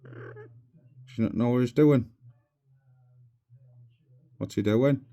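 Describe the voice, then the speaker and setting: A man with a medium-pitched voice chats to his pets in a casual home-video style. His manner is playful and coaxing, with simple questions that he often repeats as if expecting the animals to answer. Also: slow pace, vocal fry, warm tone. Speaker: pet owner vlogger.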